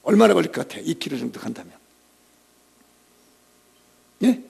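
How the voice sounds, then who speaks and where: A male pastor preaching a Sunday sermon dramatically, moving between shouted emphasis and hushed lines and putting rhetorical questions to the congregation. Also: a little high, very animated, very fast, vocal fry, slightly rough.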